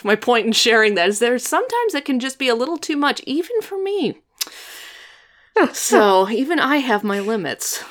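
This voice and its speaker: A woman's voice: fairly high pitch, big pitch swings, normal speed, a bit bright. Chatty woman hosting a podcast. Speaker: podcast host. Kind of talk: casual conversational chat.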